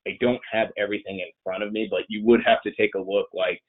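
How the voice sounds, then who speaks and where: In an informal webinar Q&A held online, a man with a very deep voice answers questions quickly in a loose, rambling, chatty style. His intonation stays fairly even, and a cold leaves him nasal, congested and somewhat rough-sounding. The audio is muffled and band-limited.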